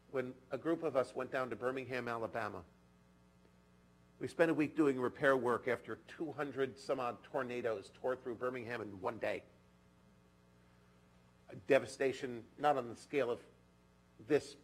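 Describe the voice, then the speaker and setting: A man delivering a sermon in a synagogue sanctuary, unhurried and earnest. His voice is husky with a gravelly fry, and he often sinks into a soft, confiding tone. The pitch sits in an ordinary middle range. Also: low-quality recording. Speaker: clergy.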